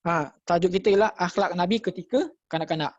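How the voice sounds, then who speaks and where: A man's voice: sits high, brisk, dry recording. A man with a Malaysian Malay accent teaches children over a video call. He goes over each point patiently, repeats it, and quizzes the class as he goes. The sound is dull, lo-fi and dry. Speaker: religious teacher. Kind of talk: online class lesson for children. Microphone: computer or phone mic on a video call.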